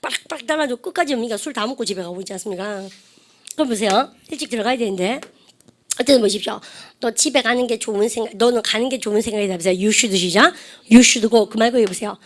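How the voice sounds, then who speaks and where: A middle-aged woman teaching English grammar in a lively lecture. She coaxes her students to repeat phrases after her and mixes chatty Korean asides with slow English drills. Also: on the high side. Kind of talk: lively classroom-style lecture.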